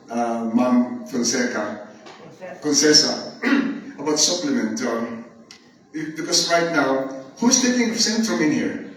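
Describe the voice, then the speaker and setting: Older man talking fast, far from the mic. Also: mid-range voice, slight background noise. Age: 70s. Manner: fast, halting, many restarts and fillers. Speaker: speaker giving a testimony. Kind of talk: casual spoken talk to an audience. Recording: echoey room, far from the mic.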